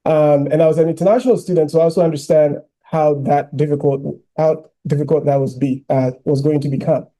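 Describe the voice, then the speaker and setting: High-voiced man giving a keynote. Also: a little fast, few pauses. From Ghana. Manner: animated storytelling, frequent "you know" fillers. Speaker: keynote speaker. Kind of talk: personal keynote speech.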